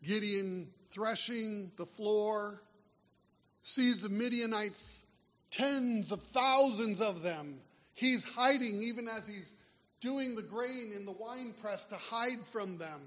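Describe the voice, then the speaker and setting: A man preaching a sermon, pushing hard on key words and then dropping to a near hush. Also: sits high, takes it slowly. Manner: emphatic preaching with wide swings in loudness. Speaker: pastor. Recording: dull lo-fi sound in a reverberant hall.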